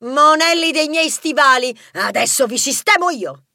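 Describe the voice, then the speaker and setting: Storybook role: bossy, impatient heroine partner, high and animated, put on by a male reader. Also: normal speed, creaky, no room sound, clean studio sound, exaggerated voice. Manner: impatient, scolding. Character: bossy sharp-tongued female detective partner.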